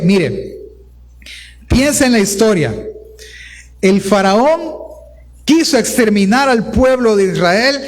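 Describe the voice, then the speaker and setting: A man with a Salvadoran accent, preaching a sermon in a church and speaking directly to the congregation. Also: high voice. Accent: Salvadoran Spanish. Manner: animated preaching, directly addresses the congregation as brothers. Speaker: pastor. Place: church service before a congregation.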